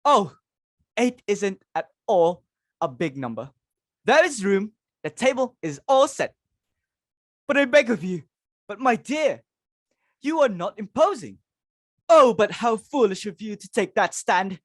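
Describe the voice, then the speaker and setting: Gushing and insistent, a woman voices a flustered, domineering middle-aged society hostess and mother in a comedy play reading. Her mid-range voice is very animated yet unhurried, with frequent pauses, and she repeats herself dramatically for emphasis. The studio recording is clean with no echo.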